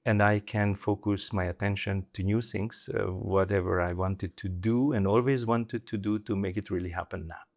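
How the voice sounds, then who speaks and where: A middle-aged man with a Hungarian accent, a former telecom executive, talks conversationally as an interview guest. His gravelly voice sits fairly low, with a steady tone, a moderate pace, and few pauses.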